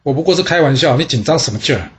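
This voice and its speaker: A man's voice: fairly high pitch, lively intonation, rapid-fire, lightly acted. A man voicing a proud, defiant ancient nobleman who schemes against his ruler. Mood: scornful.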